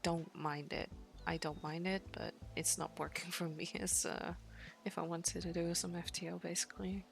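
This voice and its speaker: A young woman in casual, intimate chat, talking softly and hesitantly, often half-whispering. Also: fairly low pitch, little pitch movement, moderate pace, creaky, soft background music. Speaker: vlogger.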